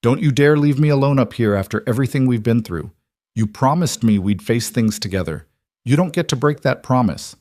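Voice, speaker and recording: A man's voice: mid-range voice, sing-song, normal speed, a little mellow, no room sound, studio quality. A man voicing a frightened but fierce young woman outcast in an audio story, speaking urgently and pleadingly.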